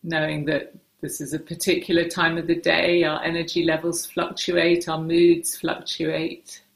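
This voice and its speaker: The guided meditation comes from a woman whose voice sits low, shows vocal fry and barely moves in pitch. She speaks gently in short, slow phrases with hesitant pauses, and the recording space is roomy and echoing.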